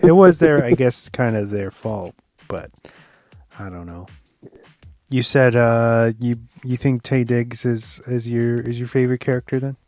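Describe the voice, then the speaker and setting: Dude on a movie podcast, lots of likes and ums, swears, laughs, dry close mic. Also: male voice, medium pitch, measured pace, darkish tone, no echo. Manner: loose, filler-heavy storytelling with swearing and laughs. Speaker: podcast co-host. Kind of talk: casual film review chat.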